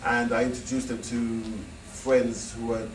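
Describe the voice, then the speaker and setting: A man's voice: medium pitch, level tone, measured pace. A man telling his own story in a frank, rambling way with laughing asides. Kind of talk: casual storytelling talk. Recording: echoey hall, distant mic, noisy.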